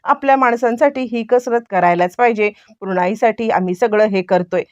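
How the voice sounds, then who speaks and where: A woman's voice: fairly high pitch, fairly quick, dry recording, clean studio sound, natural voice. A woman reading the lines of a protective, determined husband in her serial retelling. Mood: earnest.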